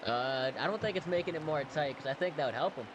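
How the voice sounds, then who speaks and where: A man's voice: expressive, fast. A man giving casual color commentary on a race in an informal, slightly hesitant way. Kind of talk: casual racing analysis. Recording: very noisy audio with vehicle-like rumble.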